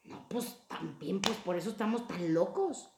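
A woman hosting a casual podcast chat about emotions, talking in an expressive, playful way. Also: mid-range voice, moderate pace, reverberant. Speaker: podcast host.

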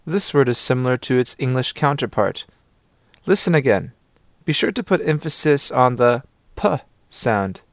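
A man narrates a scripted language lesson in a patient, steady way, prompting the listener to listen and repeat. His voice sits in a middle pitch. The sound is dry and close. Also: normal speed, no room sound.

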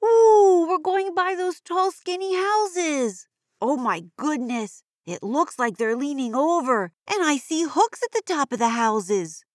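A woman voicing an excitable young girl in a children's audio story, with a broad, singsong, exclamatory children's-theatre delivery. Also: high-pitched, slow pace, dry recording, clean studio sound, pitched above the performer's own voice. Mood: excited. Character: Jazzy, excitable young girl tourist who loves cats.

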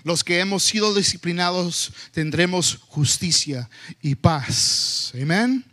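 A man preaching a sermon to his congregation, animated and mixing in English phrases, sometimes acting out loud scoldings of his children. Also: high voice, slow pace. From United States. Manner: slips between Spanish and English. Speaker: pastor.

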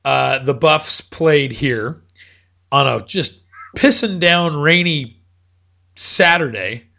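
A man's voice: a little high, expressive, slow, gravelly, pushed and bright. Rambling man hosting a casual chat. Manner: rambling, self-correcting, chatty. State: hiccups. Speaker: podcast host.

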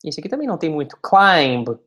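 A woman teaching English, speaking model phrases slowly for the listener to repeat and explaining them in quick asides. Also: deep voice, sing-song, fairly bright tone. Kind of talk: English lesson with repeat-after-me drills.

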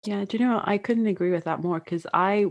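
A woman's voice: medium pitch, quick pace, vocal fry. A woman who grew up in Iran, hosting a casual interview with encouraging, chatty questions.

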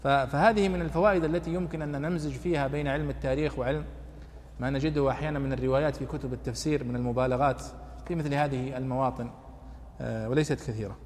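A man teaching a classical Quran commentary, explaining quickly with loose, conversational asides. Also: medium pitch, fairly even intonation, darkish tone, long reverb tail, a little hiss or hum. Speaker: sheikh teaching tafsir.

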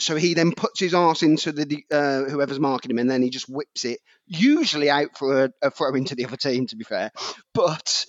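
A man's voice: on the high side, no echo, muffled recording. A man in his forties, a podcast guest ranting in casual chat and stumbling over repeated words. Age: 40s.

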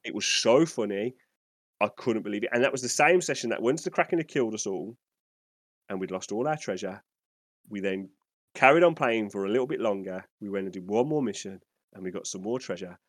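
Dry, low-voiced man telling stories. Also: brisk, no room sound. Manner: animated storyteller, rambling and enthusiastic. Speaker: podcast co-host. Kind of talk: casual storytelling chat.

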